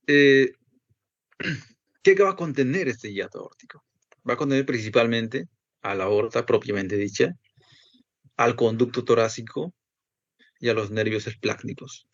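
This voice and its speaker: A man's voice: medium pitch, creaky, no room sound. Man teaching anatomy, dull dry recording. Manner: explains step by step, voices students' questions himself.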